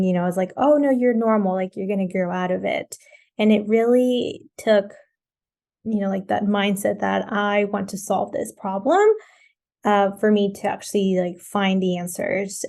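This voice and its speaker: Woman wellness coach from Colombia. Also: medium pitch. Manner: warm, rambling, frequent "you know" and "like" fillers. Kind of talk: casual podcast interview.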